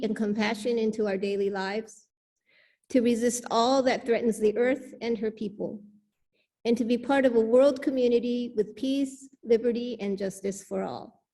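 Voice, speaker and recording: A worship leader welcomes the congregation at a church service, reading and making announcements into a pulpit microphone. Her voice is a little high with a dark tone.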